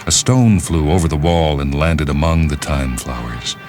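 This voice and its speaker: Reading literary fiction on the radio, an extremely deep-voiced narrator keeps his delivery solemn and measured, with orchestral music playing distinctly underneath.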